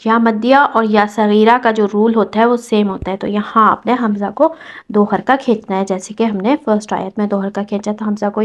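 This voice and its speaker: A woman teaching Quran recitation rules step by step, patiently explaining and reciting verses slowly. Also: mid-range voice, highs cut off. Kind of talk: tajweed lesson explaining rules.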